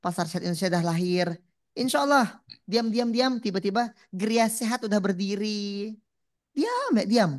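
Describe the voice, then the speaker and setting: A woman preacher giving a lively religious talk, punchy and repetitive, often asking the audience questions. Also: medium pitch, moderate pace. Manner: punchy, repeats catchphrases, asks the audience questions.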